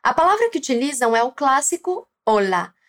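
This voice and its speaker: A Brazilian woman hosts a Spanish lesson podcast, coaxing the listener to repeat phrases after her. Her voice is high and bounces through a wide range. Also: sing-song, a little fast, a bit bright. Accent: Brazilian Portuguese. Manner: encouraging, prompts listener to repeat. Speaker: Spanish teacher and podcast host.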